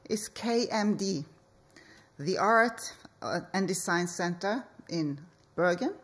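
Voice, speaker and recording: A Norwegian architect gives a conference presentation in a conference hall. She speaks slowly and deliberately at a medium pitch, pausing between phrases.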